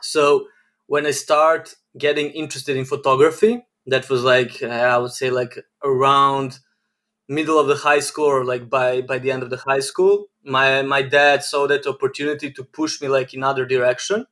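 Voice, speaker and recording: Young Serbian man, flat rambling speech. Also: medium pitch, normal speed. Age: 20s. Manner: rambling, many "like" fillers, flat delivery. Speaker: guest. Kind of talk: casual interview chat.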